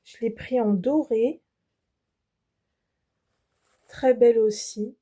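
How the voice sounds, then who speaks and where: A French woman vlogger walks through her latest craft haul at an unhurried pace. Her voice sits a bit high but has a very dark, mellow tone. She pauses often, fills gaps and restarts her sentences as she goes. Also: fairly even intonation. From France. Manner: slow, hesitant, many fillers and restarts. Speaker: embroidery channel host. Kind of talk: casual product show-and-tell.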